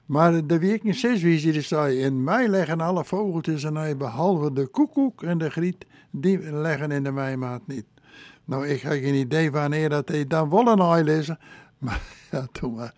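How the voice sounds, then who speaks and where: Man dj rambling folksy chat between songs, highish voice, dry close studio sound. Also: darkish tone, no echo. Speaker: radio music presenter.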